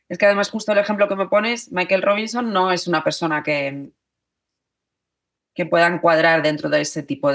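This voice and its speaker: Woman, podcast guest, somewhat low, hesitant and searching for words. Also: a bit bright. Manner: hesitant, many fillers and restarts. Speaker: guest journalist and author. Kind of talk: podcast interview.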